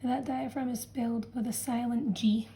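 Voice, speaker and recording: A woman's voice: on the high side, steady tone, normal speed, warm tone, a little hiss or hum, low-quality recording. A woman science teacher talking students through a revision lesson, explaining patiently and checking in with "okay" as she goes. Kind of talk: revision lesson narration over a drawn diagram.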